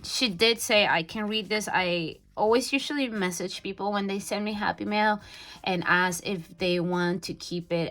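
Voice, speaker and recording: A woman's voice: medium pitch, a bit bright. Bubbly young woman vlogger. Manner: bubbly, gushing, many fillers and restarts. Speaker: budgeting vlogger. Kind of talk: casual unboxing chat.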